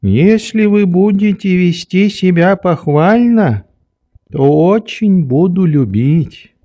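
A man voicing a methodical, prim old male doctor who speaks slowly and reprovingly in an audiobook. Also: high voice, expressive, dry recording, highs cut off, pitched above the performer's own voice, exaggerated voice. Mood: mild reproach. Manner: slow, measured, gently reproving. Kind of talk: audiobook character reading.

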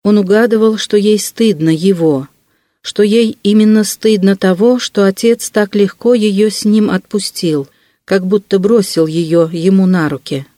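Audiobook narrator, calm literary reading, warm dark tone, dry booth. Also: medium pitch, no room sound. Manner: measured, expressive classic-novel reading.

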